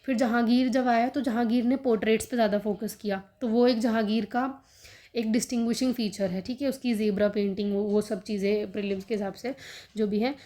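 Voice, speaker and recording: Young woman tutor rattling off study tips fast, kinda high voice but soft and mellow. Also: fairly even intonation. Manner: fast, chatty, frequent "theek hai" fillers. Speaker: exam prep teacher. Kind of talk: casual study-guidance talk, Hindi-English mix.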